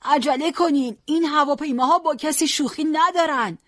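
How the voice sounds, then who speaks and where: A storyteller voicing a stubborn, devout old male fighter who refuses to retreat and shouts over the noise of battle. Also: mid-range voice, lively intonation, no echo, clean studio sound, natural voice. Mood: shouting.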